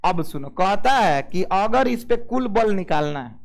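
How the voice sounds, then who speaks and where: High-voiced physics teacher. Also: male voice, expressive, a little slow. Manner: keeps asking the class "yes or no?" and calling students "babu"; mixes English physics terms into Hindi. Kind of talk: classroom lecture.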